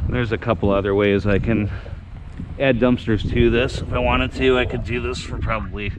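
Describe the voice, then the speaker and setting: A man with a steady, mid-range voice vlogs casually at a normal speed, rambling and hesitating in an unscripted, matter-of-fact way. He's recorded on a worn or handheld action camera, so traffic and ambient noise come through.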